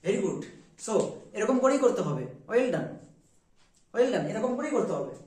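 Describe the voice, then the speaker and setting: A man with a high voice teaches English pronunciation in a classroom. He drills his students by asking the same questions over and over. He is recorded from some distance in a very echoey room. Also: sing-song, measured pace, a little mellow. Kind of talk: classroom lesson.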